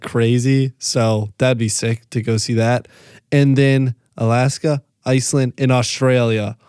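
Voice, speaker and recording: A man's voice: mid-range voice, a little mellow, smooth, dry recording. Young guy hosting a podcast, teasing and upbeat, mid voice, dry sound. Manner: teasing, upbeat, keeps the talk moving. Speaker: podcast host. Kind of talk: casual chat.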